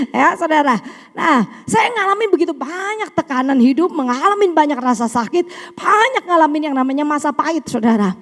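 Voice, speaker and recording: A middle-aged woman preaching a sermon, animated and often calling out to the congregation. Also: high voice. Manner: animated, addresses congregation as saudara. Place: church hall. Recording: long church reverb.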